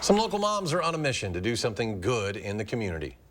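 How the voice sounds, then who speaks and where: A man's voice: medium pitch, very animated, quick pace, noisy background. A man with an American accent reading scripted news as an anchor.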